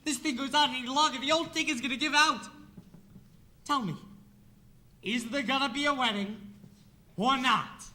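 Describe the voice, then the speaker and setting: A man's voice: very high-pitched, moderate pace, long pauses, sharp tone, heavily acted. A young man playing an anxious, brash theatre producer in a stage musical.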